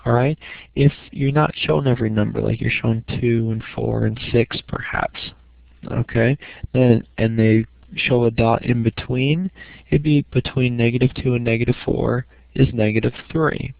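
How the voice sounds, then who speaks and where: The speaker is a middle-aged math teacher explaining a lesson step by step in a casual way at home, with frequent "okay" check-ins. His creaky, medium-pitched voice holds fairly even intonation at a moderate pace. The recording, made in a small room, is dry, dull and lo-fi.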